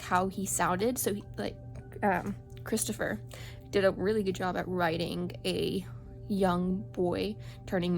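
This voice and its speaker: A woman giving a casual, chatty solo book review as a reading vlogger. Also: medium pitch.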